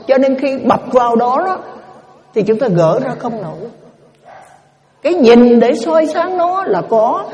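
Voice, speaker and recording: A woman's voice: fairly high pitch, darkish tone, big-room sound. A woman, a Buddhist nun, giving a dharma talk as a sermon, with an earnest, repetitive teaching cadence.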